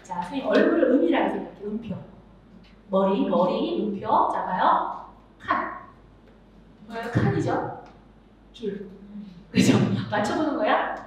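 A middle-aged woman teaching music to teachers at a seminar, animated, acting out voices and singing examples. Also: a little high, measured pace, pauses often. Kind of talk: lively seminar lecture to teachers. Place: large lecture hall with audience. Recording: echoey hall, speaker far off, audience noise.

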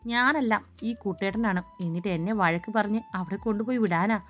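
A woman's voice: mid-range voice, brisk, dull audio, faint music behind, lightly acted. A woman voicing an innocent, childlike young bride who talks in a naive, pouting, sing-song way in a storybook reading. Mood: innocent pleading.

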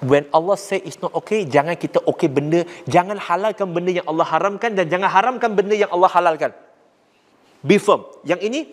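A man with a Malaysian accent preaching to young people, blunt and forceful, mixing languages and rising sharply to drive points home. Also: high voice. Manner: rises sharply when making a point. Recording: long hall reverb.

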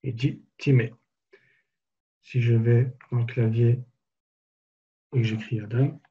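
A man giving a live software tutorial webinar, casually explaining each step as he clicks through it. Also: mid-range voice, fairly even intonation, slow, breathy edge, dull audio. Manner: casual, explanatory, walks through steps on screen. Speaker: software trainer.

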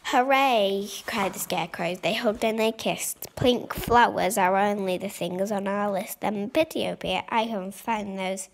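A woman's voice: mid-range voice, steady tone, moderate pace, vocal fry, hardly any pauses, slight background noise. A woman reading a rhyming picture book aloud, stumbling and restarting on some words.

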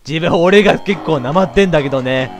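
A man's voice: a little high, brisk. A man casually commenting while playing a horror game, chatty and laughing often, with a regional dialect in his speech. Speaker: VTuber game streamer. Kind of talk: let's play commentary. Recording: game music behind.

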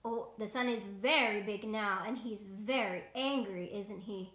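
A medium-pitched, fairly bright voice, a little slow, belongs to a woman in her thirties acting as a bedtime story host. Indoors in a small bedroom, she reads aloud to young children in simple words, posing questions to the listener, on a roomy, echoey home recording.

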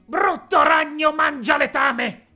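Woman doing a shrill panicky goblin. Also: expressive, unhurried, faint music behind, heavily acted. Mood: panicked yelling. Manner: shrill, yelling. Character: frantic young male goblin, panicky then dazed.

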